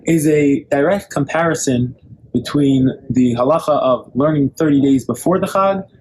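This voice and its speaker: A man's voice: on the high side, moderate pace, darkish tone, low-quality recording. A young man giving a Torah lesson, reading Hebrew and Aramaic sources aloud and explaining them in English. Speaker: Torah teacher. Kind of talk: recorded Talmud lecture. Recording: clear background noise with passing vehicles.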